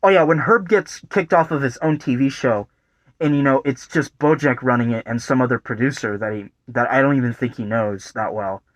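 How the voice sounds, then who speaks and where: Over faint background guitar, a young man with a mid-range voice talks a little fast in an echo-free recording. He's a video essay host whose casual commentary rambles, heavy on fillers and curse words.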